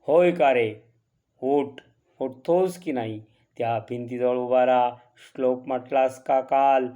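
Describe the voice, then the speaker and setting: A man voicing a strict village father who scolds in short, sharp commands. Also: medium pitch, fairly even intonation, takes it slowly, smooth, dull audio. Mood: angry.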